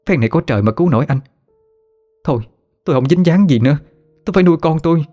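A man's voice: medium pitch, animated, fairly quick, darkish tone, voice pushed up, lightly acted. A man voicing an exasperated young wife who nags and scolds her husband, over faint music. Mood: scolding. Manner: nagging, scolding.

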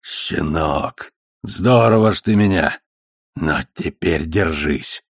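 A man reading an audiobook, voicing a rough, hoarse male thug who talks coarsely. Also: a bass voice, takes it slowly, no echo, studio quality, voice pushed down, exaggerated voice. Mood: threatening.

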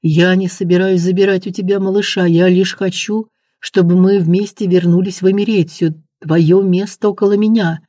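Reader voices ardent young prince; soft chesty baritone, mellow and dark. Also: little pitch movement, moderate pace, no echo, studio quality, lightly acted. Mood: pleading. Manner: quiet, low chest baritone. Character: passionate young prince, tender lover.

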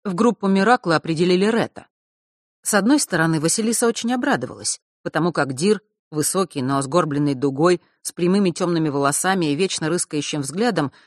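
A woman narrating a fantasy audiobook in a steady, measured storytelling manner. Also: fairly low pitch, dry recording, studio quality. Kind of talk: scripted narration.

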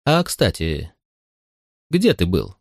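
A man's voice: low voice, huge pitch swings, slow pace, creaky, no echo, clean studio sound, heavily acted. A man reading an audiobook voices a cold, domineering father who questions his son bitterly and sternly. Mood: cold, cutting. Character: cold, domineering middle-aged father, a consul. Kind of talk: audiobook character voice.

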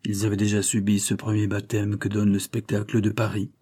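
A man reading a classic novel aloud in steady, measured narration. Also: fairly low pitch, slightly rough. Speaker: audiobook narrator.

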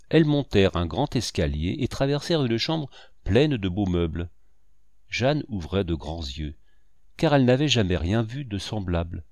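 A man's voice: lowish voice, no room sound, studio quality. A man reading a children's story aloud in a scripted narration style. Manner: lively, expressive reading. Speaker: audiobook reader.

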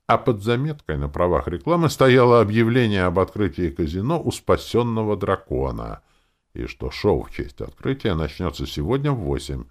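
Male audiobook narrator, low voice with lively melody, expressive. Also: moderate pace. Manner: expressive, voices every character. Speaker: audiobook reader.

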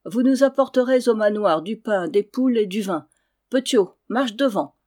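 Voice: mid-range voice, lively intonation, normal speed, a little mellow, lightly acted. A reader voicing a good-natured male knight who banters and laughs in an audiobook. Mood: jovial. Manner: hearty, bantering. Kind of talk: audiobook reading.

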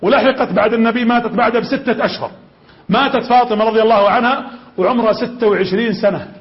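A man's voice: very high-pitched, quick pace. A man with a Gulf Arabic accent giving a religious lecture. He tells the story with energy and keeps putting questions to the audience. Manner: lively storytelling that quizzes the audience. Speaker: preacher. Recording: dull lo-fi lecture recording.

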